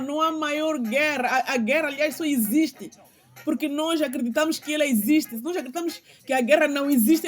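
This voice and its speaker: A middle-aged woman speaks earnestly to her channel's followers, as if preaching. Her speech has a slight lisp and she leans on rhetorical questions. Music plays behind her voice. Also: sits high. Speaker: channel host. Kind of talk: spiritual commentary vlog, speaking off the cuff.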